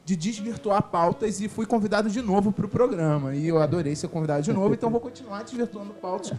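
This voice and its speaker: A man's voice: high-pitched, quick pace, a little mellow. A man from Rio de Janeiro state, a guest on a casual podcast, joking and poking fun at himself. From Rio de Janeiro state, Brazil. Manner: joking, self-mocking.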